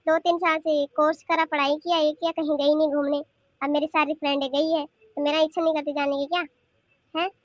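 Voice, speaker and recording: A woman's voice: high voice, flat delivery, fairly quick, dry recording, natural voice. A woman voicing a cheeky, stubborn teenage granddaughter in a cartoon who argues back. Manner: talking back, whiny and argumentative. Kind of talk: cartoon voice acting.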